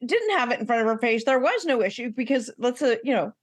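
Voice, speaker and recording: A woman's voice: on the high side, lively intonation, fast talker, no room sound, clean studio sound. A woman co-hosting a podcast, chatting casually and emphatically about a reality show, laughing often. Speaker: podcast co-host. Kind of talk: casual recap chat.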